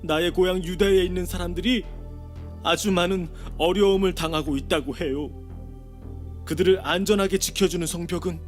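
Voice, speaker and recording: A man's voice: high-pitched, lightly acted. A man voicing a grieving, devout biblical leader who tells of sad news from home and cries out in prayer. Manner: earnest, slow storytelling; loud pleading prayer.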